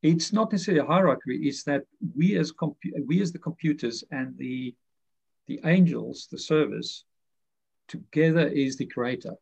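A man's voice: a little high, normal speed, gravelly, a little mellow, breathy edge. A man, a guest author, explaining his ideas in a rambling way full of fillers and restarts. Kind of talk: conversational explanation. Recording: muffled lo-fi audio.

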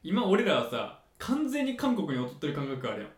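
High-voiced Kansai man full of questions. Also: wildly swooping pitch, fairly quick. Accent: Kansai Japanese. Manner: curious, prodding questions, laughing. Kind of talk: casual chat. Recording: echoey room.

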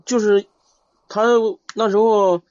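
A man calling in for advice, chatting casually in a hesitant, halting way and repeating himself. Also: high voice, level tone, dark tone, clean tone, no echo. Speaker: caller seeking advice. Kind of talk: casual chat. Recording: dull lo-fi live call.

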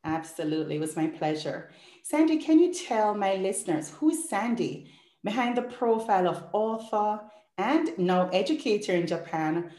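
A woman's voice: medium pitch, lively intonation, normal speed, dark tone, roomy sound. A woman hosting a podcast, reading an intro in an effusive, rhythmic listing style and then interviewing a guest. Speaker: podcast host.

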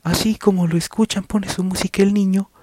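A young Mexican-accented man talks in a loose, rambling podcast monologue full of crude slang. His voice sits a little high for a man, and the recording is dry and close, with no room sound. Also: fairly even intonation, a little fast, darkish tone, husky, dry recording. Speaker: podcast host.

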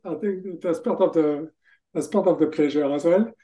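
A middle-aged Frenchman, a tech executive appearing as a guest, speaks English with a clear French accent in a voice slightly higher than typical for men but dark and mellow. His answers are casual and halting; he hesitates, often restarts phrases, and laughs between thoughts.

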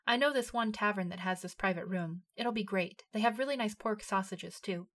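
A guilty young woman soldier, read by a woman narrator, speaks low and contrite. She is scheming by nature but sorry now, in a plain storybook voice. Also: normal speed, fairly bright tone, lightly acted.

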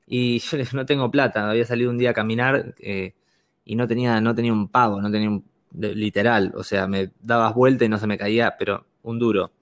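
Male guest, lively storyteller, lowish voice. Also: quick pace. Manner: animated storyteller, laughs often. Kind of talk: casual chat.

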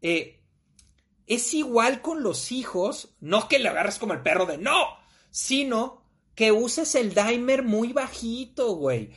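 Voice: mid-range voice, big pitch swings, a little slow. A podcast host with a Mexican Spanish accent, talking casually and emphatically, full of slang, sometimes acting out little scenes.

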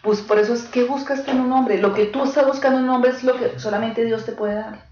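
This woman's voice is on the high side and a little fast, with a darkish tone and fairly even intonation. She teaches a small group in person, earnest and direct, sharing pastoral case stories and regularly checking in with them. The echoey room is captured in dull lo-fi with faint hiss.

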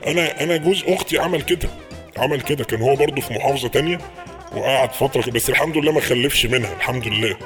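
Fast-talking Egyptian man, polite and halting. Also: medium pitch, over music. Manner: polite and fast, with many hesitations and repeated words. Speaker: prank caller posing as an official. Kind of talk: prank phone call.

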